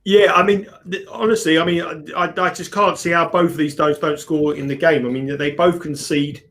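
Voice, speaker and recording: A man talking as a guest tipster on a live betting stream, rushing and restarting his sentences. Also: on the high side, fairly even intonation, a bit bright. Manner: rapid, restarts often, repeats himself.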